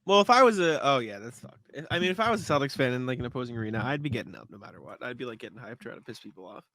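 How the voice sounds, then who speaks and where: A man's voice: mid-range voice, expressive, rapid-fire, fairly bright tone, no echo. A man co-hosting a casual live podcast, talking bluntly and swearing freely. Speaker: podcast co-host and sports writer. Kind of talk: casual live-stream chat.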